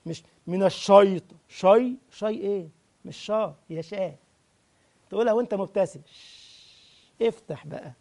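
A man with an Egyptian accent teaching Quran recitation, drawing out the verses slowly and breaking into quick, chatty corrections. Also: sits high, gravelly, darkish tone. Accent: Egyptian Arabic. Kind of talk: tajweed lesson with slow demonstrations.

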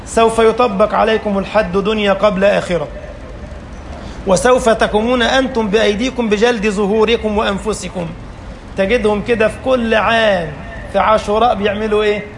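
High-pitched, gravelly Egyptian preacher. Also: male voice, fairly bright tone, slight background noise. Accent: Egyptian Arabic. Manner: emphatic, with frequent rhetorical questions. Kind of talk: colloquial sermon.

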